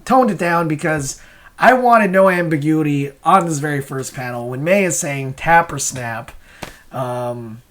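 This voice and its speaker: In an unhurried, slightly bright voice on the high side, a man who creates and hosts comics offers rambling, casual commentary. He keeps questioning himself, sounds hesitant, and chuckles while explaining things.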